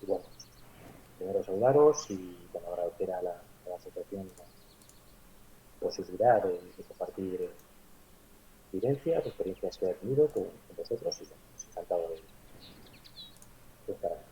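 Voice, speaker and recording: A basketball coach in his forties from Madrid, Spain, answers interview questions thoughtfully, with many hesitations and restarts. His deep voice has lively intonation, a moderate pace, long pauses and a warm tone. The audio is poor, with a little hiss or hum.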